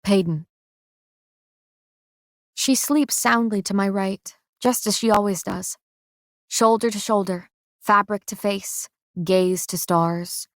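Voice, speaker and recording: Woman, audiobook narrator, first-person story, measured steady reading, mid-pitched voice, dry close sound. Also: no room sound.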